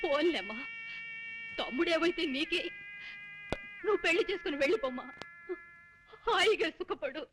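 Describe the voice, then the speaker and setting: A woman's voice: very high-pitched, lively intonation, normal speed, pauses often, over music. A frail, half-deaf old mother. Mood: doting. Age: older. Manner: plaintive, coaxing, calls everyone dear. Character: frail hard-of-hearing old mother, fussy and doting. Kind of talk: film comedy scene.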